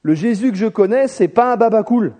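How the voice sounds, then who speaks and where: A man preaching a sermon, talking straight to his congregation and telling the story with lively, acted-out voices. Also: high-pitched, brisk. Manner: animated storytelling, addresses the congregation directly; acts out the people in the story with shifting voices.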